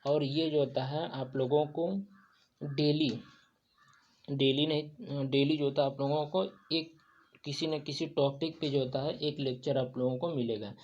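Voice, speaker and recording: A man's voice: fairly high pitch, fairly even intonation, a little slow, a little mellow. Man teaching with constant verbal fillers. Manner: filler-heavy, repeats "jo tha" and "jo hota hai". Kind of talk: exam-prep lesson. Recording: dull lo-fi sound.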